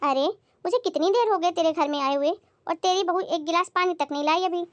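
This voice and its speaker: A woman's voice: extremely high pitch, brisk, no echo. A woman playing a meddlesome, gossipy middle-aged neighbor in a comedy skit. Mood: gossiping. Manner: gossipy, breathless, busybody.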